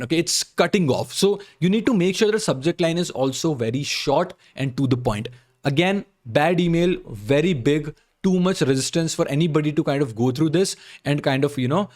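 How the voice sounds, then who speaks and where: A man's voice: a little high, darkish tone. A man with an Indian accent giving a blunt, instructive critique to camera, often checking in with short tag questions. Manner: blunt, instructive, repeats points with frequent "okay?" tags. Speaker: video creator reviewing job application emails.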